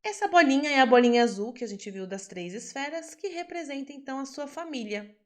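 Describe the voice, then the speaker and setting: Woman course teacher, lively and emphatic, slightly high voice, speaks straight to her class. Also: a little fast. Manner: animated, emphatic, swings between loud and soft; talks straight to the class, asking them questions. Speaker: self-development course teacher. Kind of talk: live class lecture with a personal story.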